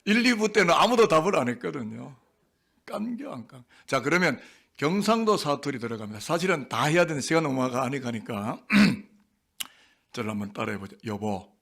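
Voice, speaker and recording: A man's voice: medium pitch, lively intonation, moderate pace, vocal fry, fairly bright tone. A male senior pastor giving a sermon in a church sanctuary, playful and quizzing the congregation.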